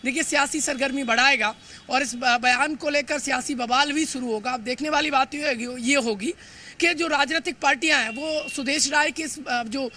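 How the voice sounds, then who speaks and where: A man reporting live for the news, emphatic and hurried, often stumbling over words and filling pauses. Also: very high voice, bright, forceful tone, slight background noise. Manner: fast, emphatic, with frequent stumbles and fillers. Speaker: field reporter.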